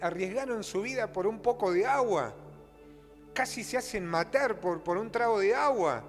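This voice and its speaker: A man's voice: sits high, lively intonation, normal speed, in a large hall, soft background music. A man preacher voicing King David as a solemn, declaring king. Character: King David, older man, grave and reverent.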